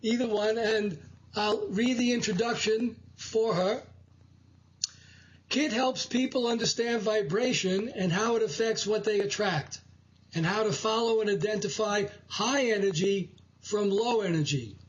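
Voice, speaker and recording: A man hosts a spiritual talk show in a measured, preaching manner. His voice sits high and sounds husky. He speaks slowly, and the recording sounds dull and lo-fi. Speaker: host. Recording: dull lo-fi audio.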